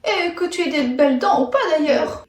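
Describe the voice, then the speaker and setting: Woman as a tiny high-pitched storybook fly. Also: brisk, close to an everyday voice. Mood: kind, reassuring. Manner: eager, reassuring, childlike insistence. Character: tiny, kind, earnest female tsetse fly. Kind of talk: children's animal tale, played for toddlers. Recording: roomy, echoey sound.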